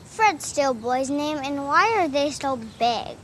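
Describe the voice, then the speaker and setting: Film role: curious, blunt young girl, high swooping voice, noisy location sound. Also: animated, a little slow, fairly bright tone.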